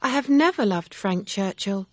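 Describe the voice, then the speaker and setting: A woman reading aloud, voicing an earnest young gentlewoman who speaks with emotion. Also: medium pitch, lively intonation, normal speed, dry recording, pitched above the performer's own voice, lightly acted.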